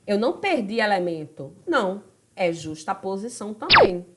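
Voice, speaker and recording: A woman with a Brazilian Portuguese accent gives a grammar lesson in a recorded video, speaking straight to her students and checking in with them often. Her mid-range voice is very animated and moves at a moderate pace, and she keeps things chatty with plenty of tag questions.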